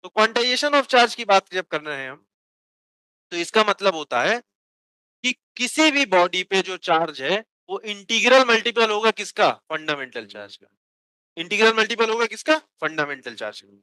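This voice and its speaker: A man gives a physics lecture in a high, crisp, resonant voice. He quizzes the class and answers his own questions, and at times dictates notes word by word. The sound is dry and close. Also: big pitch swings, moderate pace, sharp tone, no room sound, low-quality recording. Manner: asks students questions and answers them himself. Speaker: physics teacher.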